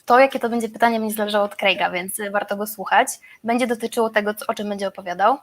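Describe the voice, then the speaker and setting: A woman's voice: medium pitch, steady tone, racing. A woman with a Polish accent hosting and introducing an informal webinar. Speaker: webinar host.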